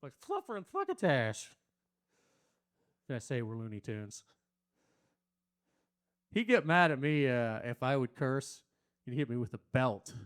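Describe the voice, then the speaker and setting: A man doing a stand-up comedy set on a small stage, crude and rambling, talking to the crowd and putting on loud silly voices for quotes. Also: medium pitch, lively intonation, normal speed, pauses often, clean tone.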